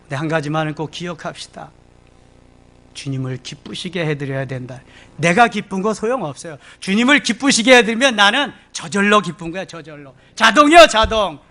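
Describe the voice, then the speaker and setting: A middle-aged male pastor delivering a Sunday sermon in a high, ringing voice. He preaches emphatically and slips into acted prayers and bits of dialogue. His tone is bright and forceful. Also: lively intonation, a little fast.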